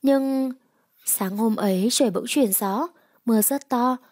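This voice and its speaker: Mellow-voiced woman storyteller. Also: on the high side, measured pace, no room sound, studio quality. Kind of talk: audiobook romance narration.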